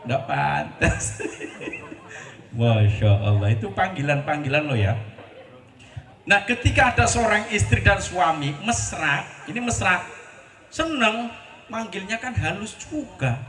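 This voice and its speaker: A man's voice: high-pitched, animated, slow, a bit bright. A man preaching a comic sermon with a Central Javanese ngapak accent, playfully acting out husband and wife exchanges. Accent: Central Javanese Banyumasan (ngapak). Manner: jokey, acts out couples' dialogues, frequent laughter. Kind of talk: comic sermon at a religious celebration. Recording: echoey, from a distance, faint ambient noise.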